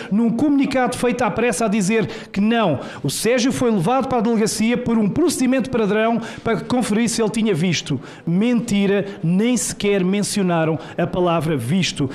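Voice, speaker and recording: A man's voice: high-pitched, a little mellow. A man from Portugal with a European Portuguese accent, reading a prepared statement at a public hearing in an emphatic, rhetorical, indignant way. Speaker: journalist giving testimony. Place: senate hearing room.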